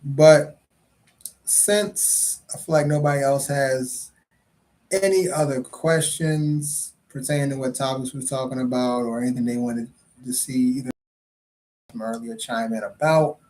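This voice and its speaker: A man's voice: mid-range voice, fairly even intonation, unhurried, darkish tone. A man hosting his own podcast livestream, talking loosely and jokingly in casual chat and swearing freely. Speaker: podcast host and comedian.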